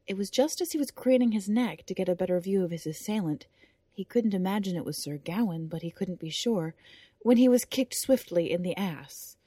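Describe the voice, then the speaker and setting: A woman's voice: medium pitch, expressive, fairly quick, mellow, breathy edge, no echo, clean studio sound. Woman narrating a fantasy audiobook. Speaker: narrator of a serialized story podcast.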